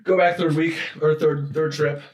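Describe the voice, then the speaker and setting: A young man with a slightly high, darkish voice speaks in a flat way at a moderate pace. As a podcast guest in casual chat, he tells a personal story that rambles, with many restarts and "like" fillers.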